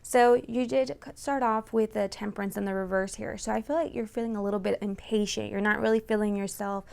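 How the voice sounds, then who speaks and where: Woman, creaky voice, medium pitch, informal tarot reader, chatty, frequent check-ins with the listener, close mic. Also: fairly even intonation, brisk, darkish tone. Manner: informal, chatty, often checking in with "right?" and "you know". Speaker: tarot reader and channel host. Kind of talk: casual tarot card reading to viewers. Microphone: close microphone.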